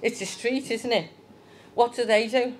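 A woman's voice: a little high, steady tone, normal speed, a little hiss or hum. A woman giving a chatty children's talk in church, asking the young ones questions.

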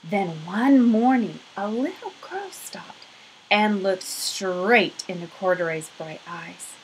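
A woman's voice: medium pitch, expressive, slow pace, slight background noise, poor audio. A woman in her thirties reading a children's storybook aloud expressively, stretching key words, at home. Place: small room at home.

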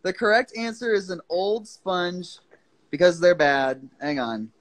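Here a man runs a laid-back phone livestream, cracking jokes and swearing plenty as viewers join. He has a high, expressive voice, talks a little slowly, and the recording sounds rough.

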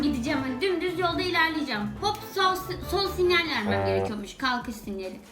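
A young woman with a high, bright-sounding voice tells a funny personal story straight to camera. She exclaims and laughs as she goes. Her voice rings in an echoey room, with music playing clearly underneath. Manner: animated, exclaiming, laughing between lines. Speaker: vlogger.

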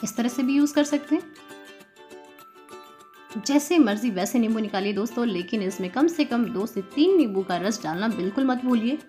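Woman cooking-show host, fairly high voice, chatty step-by-step voice-over, soft music under it. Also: animated, moderate pace. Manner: chatty, addresses viewers as friends. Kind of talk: home cooking tutorial voice-over.

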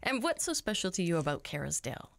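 A woman's voice: fairly low pitch, big pitch swings, quick pace, vocal fry. A middle-aged woman hosting a radio interview in a studio, asking questions in a chatty way with many "you know"s. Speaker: radio show host. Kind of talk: interviewing guests. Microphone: studio mic on boom arm.

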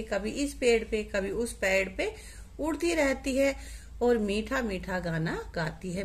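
A young woman teaches a children's lesson at an unhurried pace, her fairly high voice rising and falling a lot. She coaxes patiently, asks questions and answers them herself, now and then imitating a bird's call in a high voice. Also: breathy edge. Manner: mimics the cuckoo's call in a high voice.

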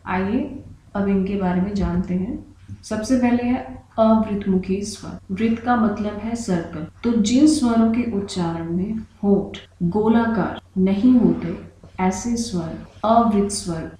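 A woman's voice: mid-range voice, mellow. A woman teaching a grammar lesson for exam preparation, explaining patiently and spelling out each example. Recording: very echoey room.

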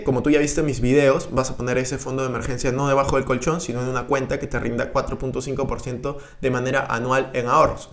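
A young man gives direct-to-camera personal finance advice, coaching the viewer with energy and hand gestures, recorded on a boom-arm studio mic in a small room. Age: young adult. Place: small room indoors, seated on a couch. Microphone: studio mic on a boom arm in front of him.

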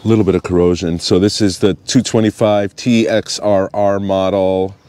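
A man's voice: low-pitched, flat delivery, normal speed, dark tone, slight background noise. A man with a Long Island accent, casually explaining used boats as he walks around them and drives, talking in a conversational, hands-on way. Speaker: fishing boat vlogger. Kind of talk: casual walkaround commentary. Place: outdoors by the road and driving a car.

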